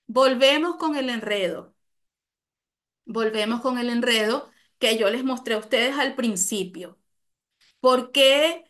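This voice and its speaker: Venezuelan woman doing a live talk online, kinda high voice, keeps asking the audience stuff and repeating herself. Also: slow, a bit bright. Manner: explains patiently, repeats key phrases, asks the audience questions. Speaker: psychopedagogue giving a talk.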